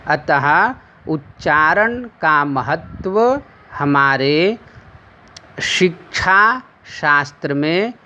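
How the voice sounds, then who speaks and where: A male teacher drills Sanskrit word forms for a class of children. He speaks very slowly and deliberately in a bright, slightly high voice. The recording sounds dull and lo-fi. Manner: addresses children directly, explaining pronunciation. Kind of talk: classroom lesson recitation.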